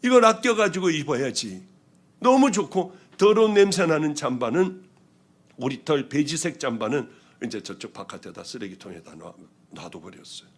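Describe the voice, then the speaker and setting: A male pastor preaching a testimony sermon, telling his story with lively acted-out quotes that swing from loud outbursts to hushed whispers. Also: a little high, normal speed. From South Korea.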